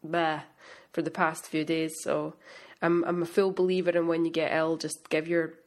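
A woman's voice: low-pitched, flat delivery, moderate pace. Sick-sounding woman co-hosting a podcast. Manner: chatty, self-deprecating. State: sick, under the weather. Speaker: podcast co-host. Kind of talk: casual podcast chat. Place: home in Scotland.

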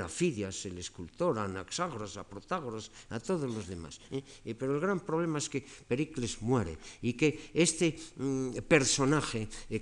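An older man from Spain with a Castilian accent, giving an academic lecture and tagging nearly every phrase with a questioning "eh" or "no.". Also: medium pitch. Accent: Castilian Spanish. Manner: digressive, tags phrases with frequent "eh" and "no". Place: lecture hall.

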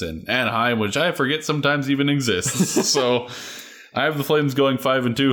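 A man's voice: fairly low pitch, a bit bright. A man with a Canadian accent co-hosting a hockey podcast in casual chat, giving dry, wry remarks. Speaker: podcast co-host.

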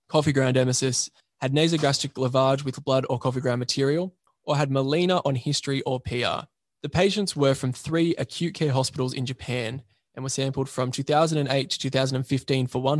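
Reading a prepared summary of a journal paper, an emergency registrar speaks in a methodical, measured manner. He has a medium-pitched voice, captured in a dry recording of studio quality.

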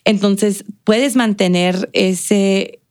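A woman's voice: medium pitch, steady tone, drawn-out words, a little mellow, smooth. A woman from the border region being interviewed, talking reflectively with many fillers and some English phrases. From United States, El Paso border region. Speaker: interview guest, business owner. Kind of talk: casual conversational interview.

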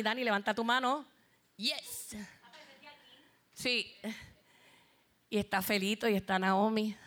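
A woman's voice: on the high side, fairly bright tone. A middle-aged woman with a Puerto Rican accent, giving a heartfelt church testimony as a worship singer and speaking directly to the congregation.

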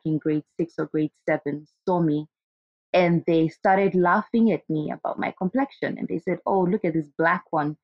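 A woman's voice: fairly low pitch, no echo, muffled recording. A woman from Zimbabwe, a guest in an interview, talking candidly and restarting her sentences. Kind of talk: conversational interview.

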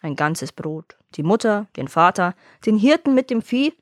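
A woman's voice: medium pitch, lively intonation, moderate pace, no echo, studio quality, lightly acted. A woman voicing a greedy little boy in a storybook who whines for food and swallows everyone whole. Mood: menacing.

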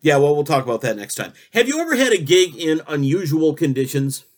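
A man's voice: fairly high pitch, a little fast. Rambling comic talk show host man. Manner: absurd rambling deadpan jokes.

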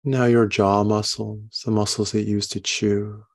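A man leading a guided meditation, giving gentle, unhurried instructions and soft questions. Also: fairly low pitch, flat delivery, creaky. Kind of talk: guided meditation, body scan.

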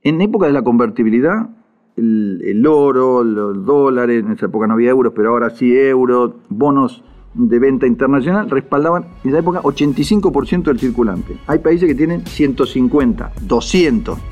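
A man's voice: medium pitch, lively intonation, brisk, a little mellow, soft background music. A man giving heated political commentary, emphatic and indignant, repeating his points for emphasis. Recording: dull lo-fi audio.

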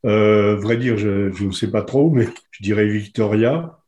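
A man's voice: lowish voice, unhurried, mellow, highs cut off, a little hiss or hum. A man playing a radio quiz, answering unhurriedly and hesitantly. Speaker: quiz contestant.

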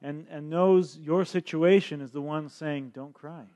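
A man interpreting a sermon into English on the fly, his voice a little higher than most. He often stumbles and repeats words while he searches for the phrasing. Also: steady tone, slow pace, dark tone.

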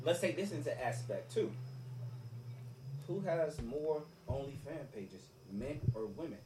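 A man with a lively, swooping, fairly high voice argues casually among friends. He is slangy and emphatic, repeating phrases, with faint noise and room ambience behind him. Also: measured pace. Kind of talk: casual group debate.

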